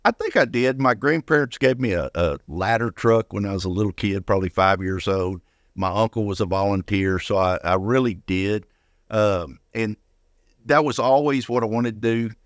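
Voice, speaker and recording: An older man, a retired firefighter appearing as an interview guest, speaks in a lowish voice at a moderate pace. He tells personal stories casually, often repeating words along the way. The sound is studio quality with no echo.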